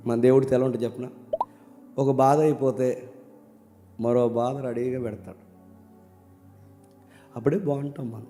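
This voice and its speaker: A man preaching a sermon, talking casually and then rising into loud, emphatic questions. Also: mid-range voice, steady tone, moderate pace, long pauses. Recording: long hall reverb with faint music.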